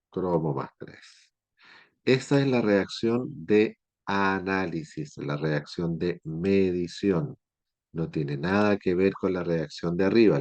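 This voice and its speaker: A man's voice: low voice, a little mellow, highs cut off. A man teaching a university chemistry class, explaining step by step and often checking that his students follow. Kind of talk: classroom lecture.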